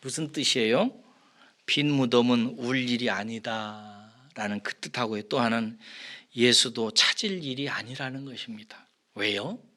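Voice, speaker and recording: A male pastor giving an expository sermon, asking the congregation questions and answering them, swinging from loud emphasis to soft, whispered lines. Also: mid-range voice.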